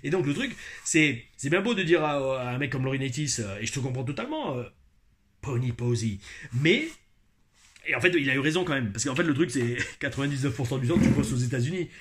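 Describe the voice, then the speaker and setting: A man from France hosting a review show, talking in an animated, chatty way and laughing often. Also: mid-range voice, fast. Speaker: host of a wrestling review show. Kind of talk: casual chat.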